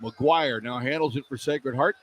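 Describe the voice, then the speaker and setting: A man with a mid-range voice calls live basketball on the radio from an indoor arena, describing plays in clipped, running phrases at a moderate pace. Background noise runs through the live arena broadcast.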